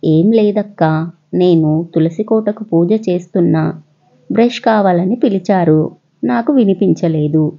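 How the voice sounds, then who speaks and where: A woman's voice: on the low side, unhurried, dull audio. A woman voicing a tearful, sulky young wife.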